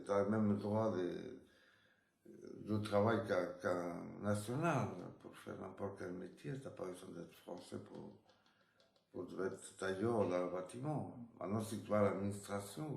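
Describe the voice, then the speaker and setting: A man's voice: low voice, unhurried, gravelly, darkish tone. A man from Spain with a Spanish accent, telling his life story in a casual interview, rambling with many restarts and tag words. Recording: roomy echo.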